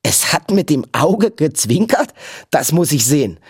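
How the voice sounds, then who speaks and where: A man voicing a bold, curious young boy who talks in high, eager exclamations. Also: very animated, takes it slowly, creaky, fairly bright tone, no echo, studio quality, heavily acted. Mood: excited. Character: boy Topper, excited bold curious kid.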